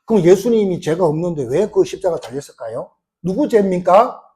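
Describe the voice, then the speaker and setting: Middle-aged pastor guy preaching hard, high voice, lots of rhetorical questions. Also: sing-song, a little fast, mellow. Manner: emphatic, rhetorical questions to congregation. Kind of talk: sermon.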